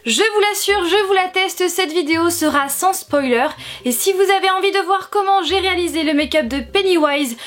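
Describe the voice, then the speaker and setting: A woman's voice: very high voice, moderate pace, few pauses, fairly bright tone. A woman giving an emphatic, chatty video film review, her voice slightly nasal and congested from a sore throat. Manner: emphatic, repeats words for stress.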